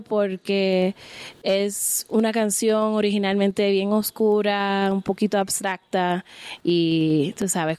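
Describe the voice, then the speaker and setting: A young woman musician from Puerto Rico talks about her songs in an easy, unhurried way, pausing often to search for words. Her voice is smooth and clear, and it sounds dry and close to the mic with no room behind it. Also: medium pitch, no echo. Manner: relaxed, speaks in halting phrases with fillers. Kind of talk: casual interview about the songs.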